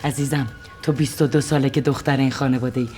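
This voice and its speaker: An actress playing a bossy, scheming new daughter-in-law who begs her sister-in-law to keep quiet. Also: extremely low pitch, steady tone, faint music behind. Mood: pleading. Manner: bossy and pleading.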